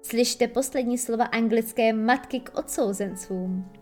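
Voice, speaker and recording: A woman's voice: fairly high pitch, a little mellow, soft background music, close to an everyday voice. Woman doing a cruel, bellowing pirate captain. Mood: cold, mocking. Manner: slow, drawn-out, with sudden bellows. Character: menacing male pirate captain, cruel and theatrical.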